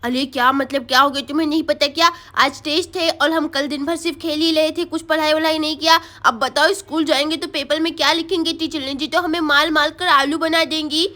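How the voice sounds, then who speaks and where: Give me a woman playing a very high-voiced, bossy, scheming schoolgirl. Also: steady tone, fairly quick, few pauses, bright, forceful tone. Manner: exclaiming, bossy, plotting.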